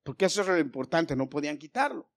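A middle-aged man with a fairly high, very animated voice preaches a sermon at a fast clip. He tells stories laced with jokes and calls his listeners brothers.

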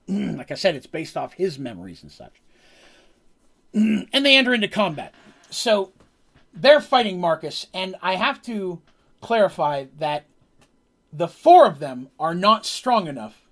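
A man's voice: a little high, a bit bright. A man telling how a tabletop game session played out, as its game master, in a rambling way with frequent ums and self-corrections.

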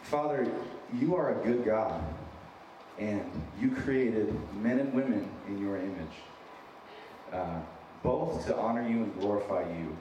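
Recorded from afar in a big echoing hall with an audience, the sound is muffled and noisy. The speaker, a man in his thirties from the US, born in San Diego and raised in Wyoming, has an American accent with a hint of Minnesota and a warm, lowish voice at a measured pace. His sermon is casual and sincere, poking fun at himself and repeating phrases to drive points home.

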